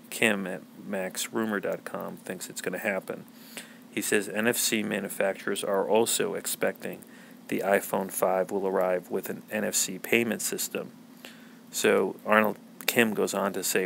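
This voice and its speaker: A man's voice: low-pitched, vocal fry, a bit bright, a little hiss or hum. A man hosting a podcast, talking through tech news in a casual, rambling way with many fillers and restarts. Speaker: podcast host.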